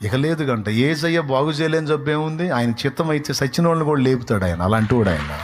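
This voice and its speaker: A man's voice: lively intonation, fast talker, slight background noise. A man preaching a sermon, telling stories dramatically and acting out the voices of the people in them. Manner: dramatic storytelling, acting out villagers and David in colloquial voices; swings between loud exclamations and low asides. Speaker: pastor.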